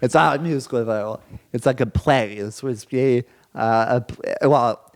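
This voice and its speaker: Guy comedian cohosting a podcast, rambly and excitable, mid-pitched voice, keeps restarting his sentences. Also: normal speed. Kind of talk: casual chat.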